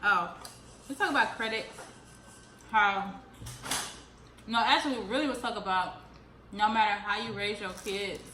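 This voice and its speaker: A woman hosts a casual eating chat with friends, relaxed and talkative with a bright, forward voice. She is recorded in an echoey room with faint noise behind her. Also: medium pitch, moderate pace, long pauses. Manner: relaxed, chatty, laughs often. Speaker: channel host.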